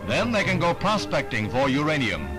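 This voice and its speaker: A male voice with a slightly raised pitch reads an old newsreel in a brisk announcer's style. He drops in light quips between the facts. Music plays underneath him throughout. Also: very animated. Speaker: newsreel narrator. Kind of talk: 1960s newsreel narration.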